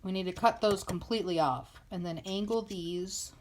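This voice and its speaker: At a table indoors, a woman with a medium-pitched voice and normal speaking speed hosts a casual hands-on craft tutorial. She thinks aloud informally as she works, and the home recording is noticeably noisy, with audible clicks.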